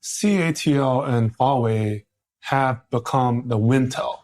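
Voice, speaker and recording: A man co-hosts a casual roundtable talk. He leans hard on the words he wants to stress and pauses with hesitations in between. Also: mid-range voice, darkish tone. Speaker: podcast co-host.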